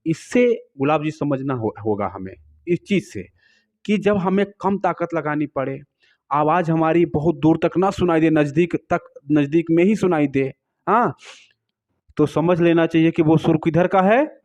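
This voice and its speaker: A man's voice: a little high, unhurried, darkish tone. A man teaching a music lesson, explaining notes patiently and often asking his students questions. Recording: slightly dull, lo-fi sound.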